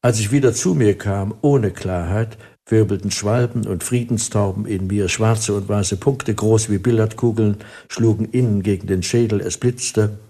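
A man reads a first-person story aloud for an audiobook, in a wry, vivid manner. His voice sits low, with a husky edge and a dark, mellow colour. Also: moderate pace. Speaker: narrator.

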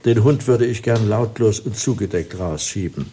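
A man doing a gruff, callous orderly. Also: on the low side, normal speed, warm tone. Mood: brusque. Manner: brusque, dismissive. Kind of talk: audiobook reading.

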